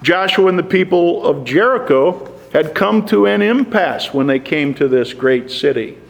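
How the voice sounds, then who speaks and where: Male preacher, fairly high gravelly voice, slow emphatic sermon delivery, long church reverb. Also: animated.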